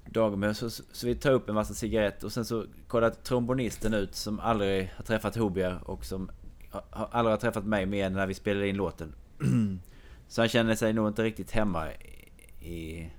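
A man with a somewhat low voice tells a long anecdote in casual conversation. He wanders from detail to detail as he goes. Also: steady tone. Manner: long meandering anecdote told to a listener. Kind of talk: casual chat.

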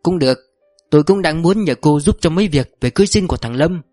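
A woman's voice: deep voice, animated, fast talker, warm tone, no echo, studio quality, soft background music. A man voicing a sly, sarcastic older businesswoman who speaks coolly and mockingly. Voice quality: cool, mocking.

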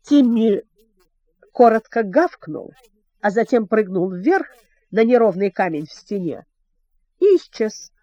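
Expressive woman storybook narrator, mellow, fairly high, very lively pitch. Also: a little slow, long pauses, no echo, dull audio. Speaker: audiobook narrator.

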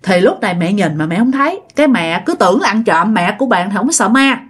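A woman's voice: medium pitch, lively intonation, fast talker, breathy edge. A woman with a Southern Vietnamese accent, chattily retelling a listener's ghost story and repeating words for effect.

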